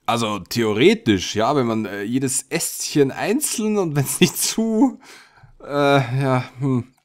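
A man's voice: medium pitch, expressive, takes it slowly. A man hosting a let's play, musing and thinking aloud with many hesitations as he plays. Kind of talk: casual gameplay commentary.

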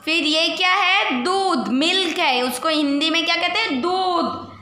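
A woman teaching young children a Hindi lesson, stretching out each syllable slowly and asking them to repeat. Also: very high-pitched, bright, forceful tone, very echoey. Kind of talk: primary school Hindi lesson. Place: school classroom.

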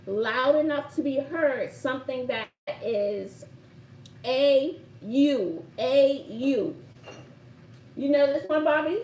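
A woman's voice: sits high, slow pace, darkish tone, far from the mic. A middle-aged woman with a Brooklyn accent hosting a casual live word game, playful and emphatic as she repeats phrases. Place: indoor home room by shuttered window. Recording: roomy echo, faint background noise.

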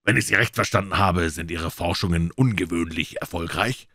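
A man reading a soft, insistent gentleman detective. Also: sits low, moderate pace, dry recording, clean studio sound, full character voice.

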